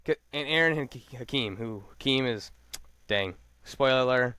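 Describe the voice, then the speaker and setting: A male podcast co-host recaps a reality show in a laid-back, slangy chat, talking fast with lots of fillers. His mid-range voice sounds bright and forceful, and the recording is clean with no echo.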